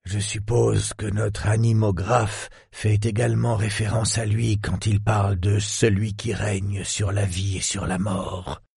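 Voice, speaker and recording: A man voicing an enigmatic old millionaire lord in his eighties, with a grave, sepulchral, husky voice and a slow, solemn way of talking. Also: fairly low pitch, level tone, darkish tone, dry recording, clean studio sound, full character voice. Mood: grave, mysterious. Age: 80s. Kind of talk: audiobook character voice.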